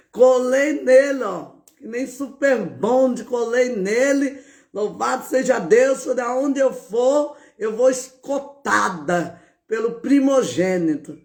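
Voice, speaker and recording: A woman preacher giving a fervent testimony, often breaking in with words of praise and now and then shouting out. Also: on the high side, expressive, slow. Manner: bursts into shouted exclamations. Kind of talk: fervent spoken testimony on a live stream.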